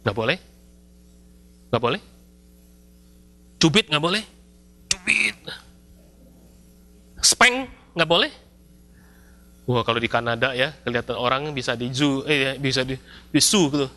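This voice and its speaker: A male pastor, preaching a sermon in a lively, storytelling way with casual slang. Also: medium pitch, a little slow, pauses often. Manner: lively storytelling, acts out scenes with shouts and mock voices; casual colloquial Jakarta-style slang mixed in.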